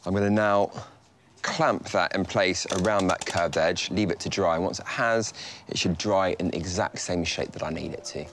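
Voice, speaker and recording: A British man in his thirties, a furniture restorer, calmly explaining his repair work step by step to camera in a wooden workshop. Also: low voice, moderate pace, background noise. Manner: calm, matter-of-fact step-by-step explanation. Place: large wooden workshop, indoors.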